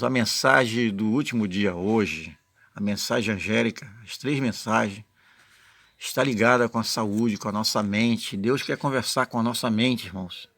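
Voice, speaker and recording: Male lay preacher, Brazilian Portuguese accent; earnest, explanatory delivery, forceful tone with a gravelly creak. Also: mid-range voice, no echo. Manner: earnest, explanatory, often adding short check-in tags to listeners. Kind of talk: informal sermon with passages read aloud.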